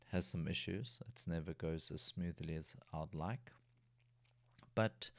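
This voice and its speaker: Man, very deep voice, resonant, dry recording, casual diary vlog, restarts a lot. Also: clear, resonant tone, no echo. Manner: rambling, with many restarts and yawns. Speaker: vlogger. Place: lives in a city in Germany.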